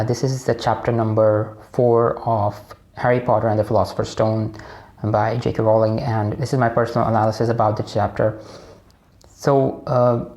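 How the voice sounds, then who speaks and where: A man with a Pakistani accent hosts a casual, personal book analysis, rambling along with plenty of fillers and restarts. His voice sits at a medium pitch and sounds a little mellow.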